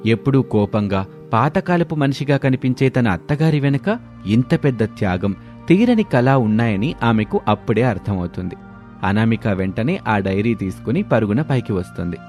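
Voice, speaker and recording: A man narrating an animated family story in a calm, scripted manner. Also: mid-range voice, normal speed, soft background music.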